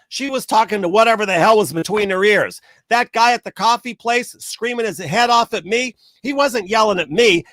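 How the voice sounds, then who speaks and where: A man's voice: sits high, no echo, clean studio sound. A middle-aged man telling a story in a casual rant to camera, acting out the people in it. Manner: animated storyteller, acts out quoted people, rants.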